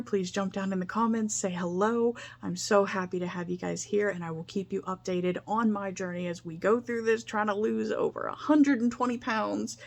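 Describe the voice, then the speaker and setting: A woman's voice: mid-range voice, gravelly. A young adult woman talking casually to her viewers in a vlog, earnest and emotional, rambling with restarts. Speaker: vlogger. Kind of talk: casual heartfelt vlog talk.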